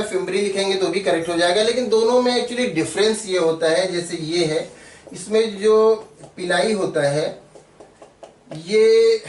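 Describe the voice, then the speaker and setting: A man's voice: high voice, reverberant, distant mic. A man teaching biology step by step, patiently repeating terms and spelling them out as he draws. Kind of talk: step-by-step drawing tutorial.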